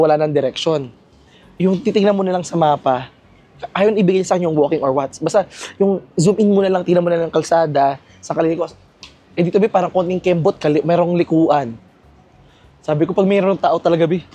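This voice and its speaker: A young man from the Philippines vlogging casually to camera from his lodging, telling a travel story in an animated way with laughs. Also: on the high side. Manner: chatty, animated storytelling with laughs and self-mocking asides. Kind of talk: casual vlog talk to camera.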